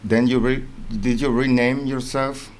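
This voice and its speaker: Halting male podcast host. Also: medium pitch, little pitch movement. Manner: halting, searching for words. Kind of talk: casual interview chat.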